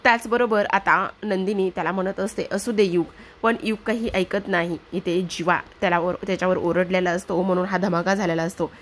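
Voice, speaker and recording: A woman's voice: fairly low pitch, fairly even intonation, brisk, hardly any pauses, a little hiss or hum. A woman narrating a recap of a TV serial episode in a plain retelling style, linking each turn with short phrases.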